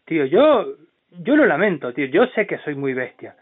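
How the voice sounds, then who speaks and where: A man talks loosely and bluntly, swearing freely as he tells a story. His voice sits high and swings up and down a lot. The sound is thin and tinny, as if over a phone line. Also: normal speed. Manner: blunt, profane, animated storyteller. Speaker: podcast host. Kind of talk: casual podcast chat.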